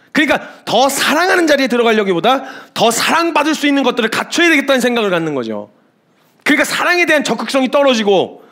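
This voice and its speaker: A man, a missionary preacher, giving a sermon with emphatic storytelling and lively asides. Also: very high-pitched.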